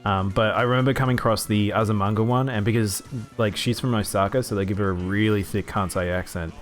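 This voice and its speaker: A man's voice: lowish voice, fairly even intonation, fast, soft background music. A man with a mild Australian accent, chatting casually while streaming a game. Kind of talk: casual gaming chat.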